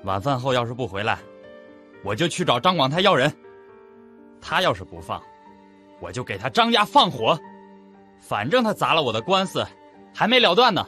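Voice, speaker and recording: An actor playing a petty, blustering middle-aged male shopkeeper in an audiobook drama, huffing and quick to shout. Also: mid-range voice, sing-song, soft background music. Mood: angry. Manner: hot-tempered, huffing, shouting. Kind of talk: audiobook radio-drama acting.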